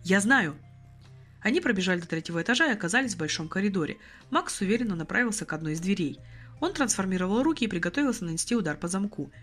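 A woman narrating a story as an audiobook, with expressive storytelling. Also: mid-range voice, rapid-fire, faint music behind.

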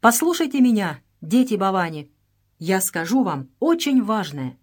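A woman's voice: mid-range voice, sing-song, breathy edge. A woman reading an audiobook voices a proud, commanding princess in a raised, solemn tone. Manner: solemn, commanding, slow-paced.

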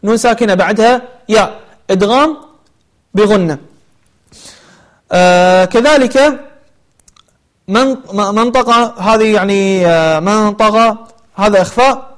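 A man teaching a tajweed lesson, explaining recitation rules and then chanting verses slowly with long drawn-out vowels. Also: high voice.

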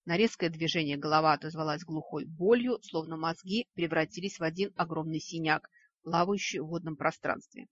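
A woman's voice: deep voice, a little fast, no echo. A woman narrating a fantasy story in the first person with a wry, ironic manner. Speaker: audiobook narrator. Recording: dull lo-fi recording.

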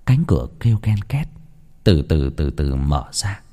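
A man's voice: a bass voice, very animated, measured pace, mellow. A man telling a ghost story in a dramatic, theatrical reading style. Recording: long hall reverb.

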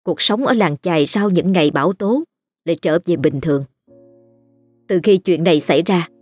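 A narrator telling a ghost story in a steady, scripted way. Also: medium pitch, no room sound.

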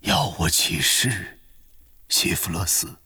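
A man voicing a calm, gentle elderly headmaster wizard in an audiobook, soft and measured. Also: deep voice, slightly rough, dry recording, pitched below the performer's own voice, full character voice. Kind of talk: audiobook character voice.

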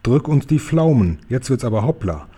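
A man playing a gentle, folksy friendly giant. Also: mid-range voice, very animated, normal speed, slightly rough. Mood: hushed, nervous. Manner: folksy, playful, full of invented words. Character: kind, gentle, big friendly male giant. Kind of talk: storybook audiobook acting.

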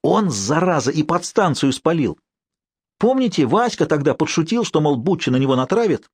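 A man's voice: on the high side, big pitch swings, normal speed, a little mellow, slightly rough, no echo, voice pushed up, heavily acted. A male narrator voicing a fussy, superstitious older caretaker who pleads in a folksy way. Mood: insistent. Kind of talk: audiobook character voice.

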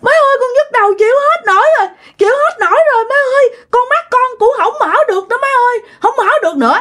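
A panicked young man cries out in shrill, pleading wails, put on by a woman telling the story. The voice leaps very high and swings widely, and has a Southern Vietnamese accent. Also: animated, fast talker, a bit bright. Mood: panicked wailing.

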